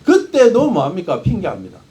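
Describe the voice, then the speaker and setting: Animated high-voiced male pastor preaching. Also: fairly quick. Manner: animated, rhetorical questions to the congregation. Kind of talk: sermon.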